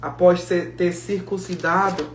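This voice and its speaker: A woman preaching a sermon, telling the story with lively acted-out dialogue. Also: fairly low pitch, a little slow, a little hiss or hum. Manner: animated storytelling, acting out biblical dialogue. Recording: echoey room with faint music.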